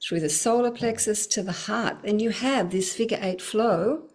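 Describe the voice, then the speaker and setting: In a mid-range, slightly mellow voice at a moderate pace, a middle-aged spiritual teacher shares her healing work as a guest. The talk is casual and earnest, delivered in a flowing way punctuated by laughs.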